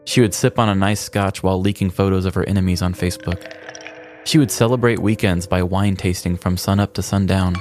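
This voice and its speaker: With soft music behind him, a man speaks in a low, darkish voice that's fairly even in intonation and fairly quick. He hosts a podcast, delivering scripted comic narration as tongue-in-cheek, mock-dramatic storytelling.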